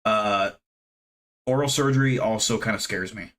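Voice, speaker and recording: With a fairly low, fairly bright voice at a moderate pace, a live-streaming man in his thirties rambles to viewers, cursing freely and making fun of himself.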